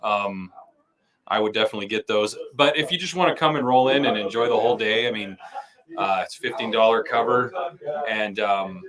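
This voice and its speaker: A man's voice: fairly low pitch, normal speed, a crowd in the background. A man chatting casually on a patio, plugging an event in a laid-back way. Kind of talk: casual chat. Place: outdoor restaurant patio.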